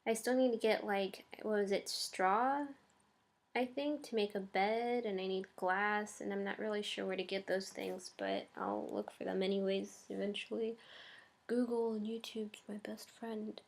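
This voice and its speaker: A woman's voice: mid-range voice, normal speed, vocal fry. A young woman chatting casually in her first vlog, hesitant and full of ums and likes. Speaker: vlogger.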